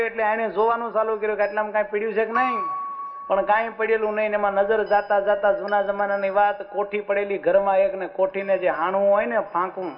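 High-voiced storyteller man. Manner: lively, asks the audience "understood?". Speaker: religious storyteller. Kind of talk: folksy sermon storytelling. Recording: muffled with faint music.

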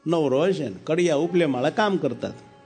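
A preacher tells a devotional story in an animated, dramatic way. His fairly high voice swoops up and drops low as he moves the story along, and faint music plays behind him. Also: fairly quick, slightly rough. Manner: animated storyteller, dramatic shifts in pitch and pace. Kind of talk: sermon storytelling.

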